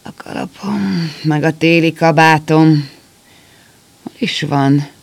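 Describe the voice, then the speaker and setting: A man voicing a surly drunk, raised gravelly voice. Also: a little high, pitched above the performer's own voice. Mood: drunken. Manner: gruff, yelling in refusal.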